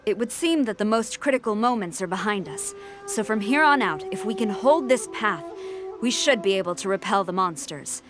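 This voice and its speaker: This is cutscene dialogue from a game, where a woman plays a strict, formal female general who speaks in a clipped, commanding way. She talks at normal speed in an expressive, medium-pitched voice, lightly acted, over background music.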